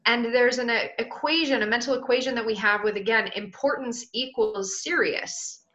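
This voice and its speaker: Bright-voiced woman in her thirties, lo-fi. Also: on the high side, normal speed. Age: 30s. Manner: reflective, searching for words. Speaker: business owner in a healing practice. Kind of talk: casual chat. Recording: dull lo-fi sound.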